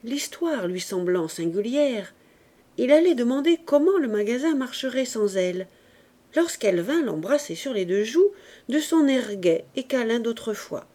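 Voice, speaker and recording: Warm, mellow woman reading a novel. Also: a little high, very animated. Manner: clear, measured literary reading. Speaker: audiobook reader. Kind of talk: scripted narration of a classic novel.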